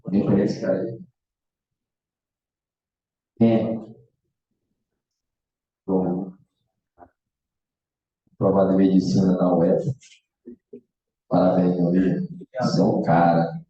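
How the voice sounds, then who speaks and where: A man's voice: deep voice, level tone, slow pace, pauses often, mellow. A man teaching a math lesson in a casual way, checking in with the students all the time. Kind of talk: online exam-prep lecture. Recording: echoey, distant, dull lo-fi room sound.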